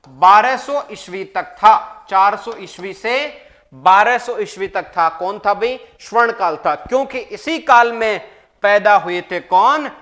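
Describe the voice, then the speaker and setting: A man's voice: sits high, fairly bright tone. A man teaching a maths exam-prep lecture, asking the class questions and answering them himself, repeating key points. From Rajasthan, India. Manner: calls listeners "bhai".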